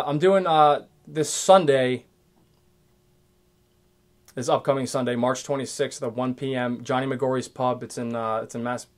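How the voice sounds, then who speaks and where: A man in his twenties hosting his own podcast, ranting casually alone, swearing often and rambling with many restarts. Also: on the high side. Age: 20s. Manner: profane, rambling, restarts a lot. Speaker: podcast host. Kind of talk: casual solo rant.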